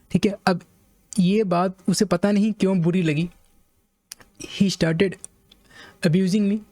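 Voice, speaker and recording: Indian man, English teacher with an Indian accent, mellow tone, measured and repetitive delivery. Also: high voice. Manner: measured, repeats points, reads English slowly. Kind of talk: explaining to viewers, reading passages aloud.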